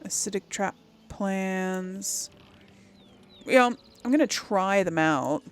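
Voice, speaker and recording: A little hiss or hum runs under this woman's gameplay commentary. She speaks slowly in a medium pitch with lively intonation, a gaming video host thinking aloud casually, murmuring to herself and reading item text aloud.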